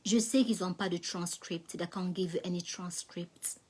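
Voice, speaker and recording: A woman playing a helpful woman stranger who confides advice in a hushed, near-whispered voice. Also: on the low side, steady tone, a little slow, slightly rough, pitched below the performer's own voice. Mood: confiding.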